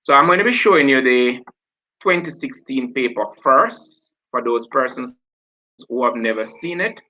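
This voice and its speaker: Working through past papers in a live online revision session, a man from Jamaica talks as he goes in his Jamaican accent, often self-correcting. He has a mid-range, animated voice with a sharp tone at moderate pace, and the recording's highs are cut off.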